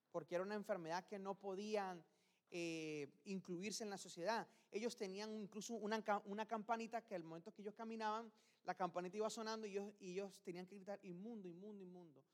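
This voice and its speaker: A woman's voice: mid-range voice, fairly quick. A woman preaching a sermon in a casual, conversational way, acting out short bits of dialogue and reading scripture aloud. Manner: informal, acts out dialogue and reads scripture.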